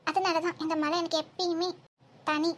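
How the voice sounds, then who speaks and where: A woman's voice: very high-pitched, flat delivery, normal speed. A woman voicing a cheerful, stubborn young woman in love in a cartoon, speaking playfully. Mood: tender. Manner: playful, teasing. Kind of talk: cartoon voice acting.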